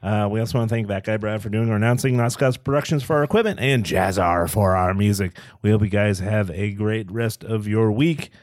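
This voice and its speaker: A man co-hosting a casual podcast chat, playful and animated, tossing in pirate growls. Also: lowish voice, a little fast, few pauses, no echo, studio quality. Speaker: podcast co-host.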